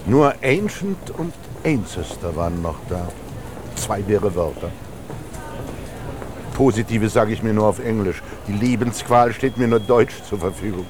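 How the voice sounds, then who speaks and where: In a radio drama, an actor voices a lonely young scribe musing to himself as he wanders through rainy Munich, with a dry, literary, pensive delivery. His voice is on the low side with lively intonation, a little slow, over background noise.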